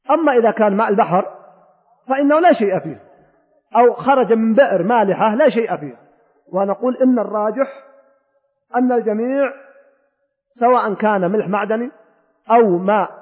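A man's voice: high voice, husky. Emphatic older man teaching in echoing hall. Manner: emphatic, repeats key phrases, acts out people's sayings. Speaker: sheikh teaching a fiqh text. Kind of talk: classical Arabic lesson with colloquial asides. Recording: dull recording in a reverberant hall.

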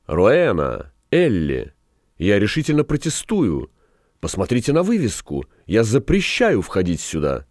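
A man reading aloud, voicing a prim, flustered older governess who protests in a shrill, prim way. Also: sing-song, moderate pace, darkish tone, no room sound, clean studio sound. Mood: indignant.

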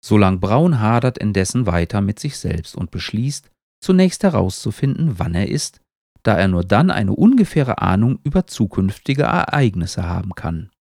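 A man narrates a story chapter on his podcast, his low voice carrying a gravelly texture and a lively, expressive lilt. The recording is dry and close, with no room sound. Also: moderate pace, dry recording. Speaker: podcast host.

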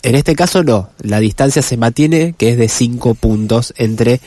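A man with a Rioplatense accent, hoarse from a cold, giving a brisk sports report as radio co-host. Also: mid-range voice, mellow, no room sound. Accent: Rioplatense Spanish. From Argentina. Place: radio studio.

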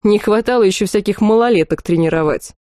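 A woman's voice: mid-range voice, fast talker, mellow, no room sound, clean studio sound, natural voice. A woman voicing a mocking young male student in a storybook reading, scornful and jeering.

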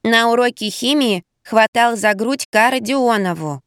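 A woman's voice: fairly bright tone, smooth, no echo, studio quality. A woman doing a chatty six-year-old boy. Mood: chattering. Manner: high, drawn-out childish chatter.

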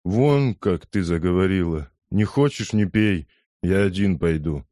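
A man's voice: low-pitched, expressive, a little slow, mellow, dry recording, studio quality. A man voicing a surly, drunk young man who snaps harshly in an audiobook. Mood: gruff. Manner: gruff, snapping.

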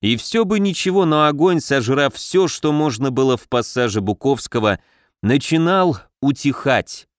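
A man's voice: mid-range voice, lively intonation, normal speed, no room sound. Male audiobook narrator, scripted fantasy read, mid-range voice, dry booth sound.

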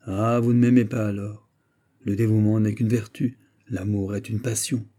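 A man's voice: on the low side, little pitch movement, normal speed, warm tone, lightly acted. Man doing an ardent courtly nobleman. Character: gallant male superintendent, ardent suitor.

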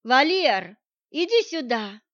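A woman's voice: sits high, big pitch swings, takes it slowly, fairly bright tone, no room sound, exaggerated voice. Woman doing a stern forest woman. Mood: curt. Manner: curt, commanding. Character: stern forest-dwelling woman who commands a bear. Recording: dull, dry audiobook recording.

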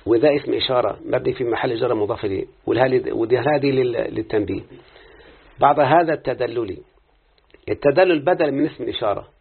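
Egyptian male teacher, quick-paced, husky voice with fry, tinny lo-fi recording. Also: mid-range voice. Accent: Egyptian Arabic. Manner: quizzes students with constant check-in questions. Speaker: grammar teacher. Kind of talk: classroom lesson in Arabic grammar. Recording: muffled phone-like lo-fi recording.

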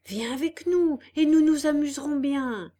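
Woman playing a loud, carefree schoolboy. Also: high voice, normal speed, pitched above the performer's own voice, natural voice. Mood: urging.

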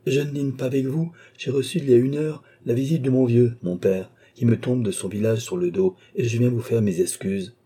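A man voicing a smooth, cavalier young man who talks in an offhand, breezy way. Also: mid-range voice, steady tone, a little fast, few pauses, dark tone, pitched above the performer's own voice, lightly acted.

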